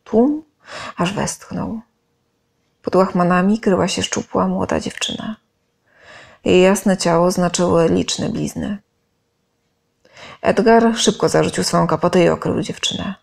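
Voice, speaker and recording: A woman narrating a fantasy fan story aloud with expressive storytelling. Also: on the low side, measured pace, creaky, long pauses, husky. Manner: expressive storytelling, acting out the characters.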